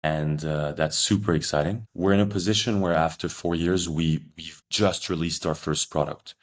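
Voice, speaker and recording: A young man from Switzerland, a startup founder, answering podcast interview questions in a measured, explanatory way. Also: low-pitched, steady tone. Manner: measured, explanatory, occasional fillers.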